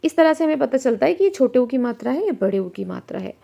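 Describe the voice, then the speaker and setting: A woman teaching a grammar lesson for children. She asks questions and answers them herself, and she slows down to sound out letters and example words. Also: high voice, big pitch swings, creaky, mellow, muffled recording.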